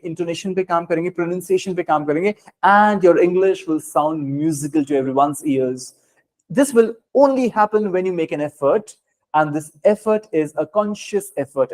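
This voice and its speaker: A man's voice: high-pitched, darkish tone. An Indian man with Hindi as his first language, teaching a spoken English class and explaining patiently, switching between Hindi and English.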